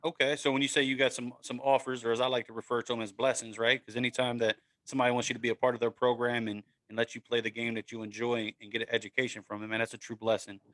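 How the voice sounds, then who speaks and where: A man's voice: medium pitch, level tone, fast, few pauses, a bit bright. A man hosting a casual sports podcast, upbeat and encouraging, often tagging "man" and "right?" onto his sentences. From Maryland, USA. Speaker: podcast host.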